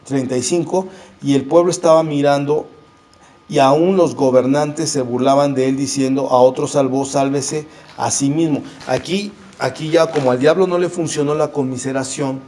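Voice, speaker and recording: Leading a Bible conversation, a preacher teaches earnestly and directly, addressing the listener as "hermano" and repeatedly checking in with "¿sí?". His voice is warm and fairly high.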